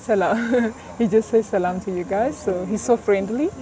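A young woman from Addis Ababa, Ethiopia, records a casual travel vlog in a mid-range, dark-toned voice at normal speed, with an Ethiopian accent. She calls her audience "guys" while filming at arm's length on a selfie camera with a clip-on mic, surrounded by the din of a busy airport, tarmac and plane cabin.

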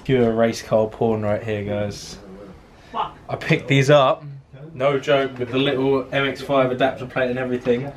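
Casually vlogging about car work on a handheld camera, a young British man speaks a little slowly in a mid-range voice with fairly even intonation. He's in a garage and driveway, crowd noise is audible, and the handheld audio is noisy.

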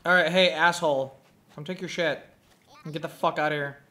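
A man's voice: a little high, steady tone, brisk, sharp tone, faint music behind. A man giving casual, profane gameplay commentary, muttering to himself as he plays.

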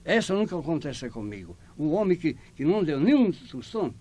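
A man's voice: fairly high pitch, sing-song, a little fast, a little mellow. An older man from Yugoslavia, speaking Portuguese as a second language, telling his life story in an oral history interview and acting out the dialogue as he goes. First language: not Portuguese.

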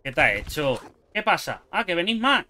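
A man's voice: a little high, moderate pace, a little hiss or hum. A young man with a Spain Spanish accent giving casual let's-play commentary, swearing and chatting to himself as he plays. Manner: lively, swearing, talking to himself and the game. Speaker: gameplay YouTuber.

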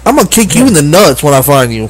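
A man's voice: fairly high pitch, big pitch swings, quick pace. A young man in casual gaming chat with friends, trading crude, teasing banter. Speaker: streamer.

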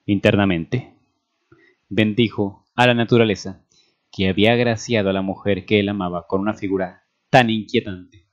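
A man reading a romantic fan story aloud as narrator, in a measured storytelling manner. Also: lowish voice, fairly even intonation. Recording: dull lo-fi recording.

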